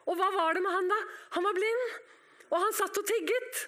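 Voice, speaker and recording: High-voiced, impassioned woman preaching. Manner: impassioned, dramatic, shifts between loud cries and hushed whispers. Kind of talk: sermon.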